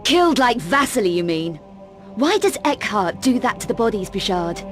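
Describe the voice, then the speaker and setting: An actress voices a tough, cool, sardonic young female adventurer in a dramatic video game cut-scene, her questions curt, dry and probing. Her medium-pitched voice swings widely in pitch at a normal speed, the acting kept light, with loud music beneath her.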